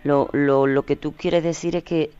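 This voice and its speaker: A man putting on a fond radio fortune-teller woman, her voice smooth and a touch high, coming through slightly muffled and lo-fi. She leans into callers with endearments and sympathy, a mock-mystic radio therapist. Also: steady tone, a little slow, a little mellow, dry recording, soft background music, natural voice. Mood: sympathetic. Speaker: co-host. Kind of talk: talk radio chat. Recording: slightly dull lo-fi sound.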